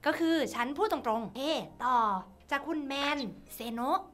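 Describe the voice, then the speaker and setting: Bubbly woman streamer, high voice, very lively pitch, giggly, teasing. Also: unhurried. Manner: giggly and bubbly, laughs often; playful, teasing. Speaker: virtual streamer. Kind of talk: casual chat reading fan lines.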